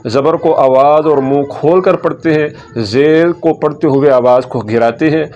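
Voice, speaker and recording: Patient guy teaching letter sounds slowly, kinda high voice, muffled lo-fi audio. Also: a little mellow, slight background noise. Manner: patient, repeats sounds slowly and contrasts right and wrong. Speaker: Quran reading teacher. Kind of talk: slow step-by-step lesson.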